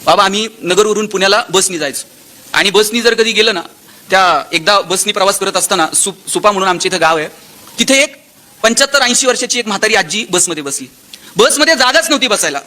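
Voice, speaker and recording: Animated high-voiced storyteller man. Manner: animated storyteller, acts out dialogue with shifting tone. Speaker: motivational speaker. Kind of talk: motivational speech with anecdotes.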